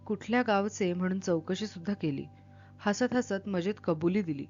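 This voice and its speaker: A woman reading a novel aloud with expressive, dramatic delivery, then explaining it as a literature teacher. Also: mid-range voice, moderate pace, lo-fi sound, faint music behind.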